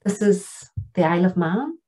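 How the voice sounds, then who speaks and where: A woman's voice: on the low side, animated, moderate pace, warm tone, slightly rough, low-quality recording. A middle-aged woman with a Northern Irish accent giving an earnest, plain-spoken lecture with slides in a church. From Northern Ireland. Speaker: guest lecturer.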